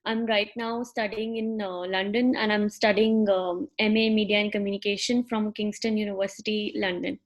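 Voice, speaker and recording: A woman in her twenties speaking as a student panelist, chatty and quick to push on. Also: medium pitch, flat delivery. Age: 20s. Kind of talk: casual panel discussion.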